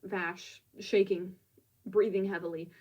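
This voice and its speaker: Husky woman recapping a manga, musing, casual asides, mic sits kinda far off. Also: mid-range voice, fairly even intonation, slow pace, dark tone, lo-fi sound. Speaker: manga reviewer.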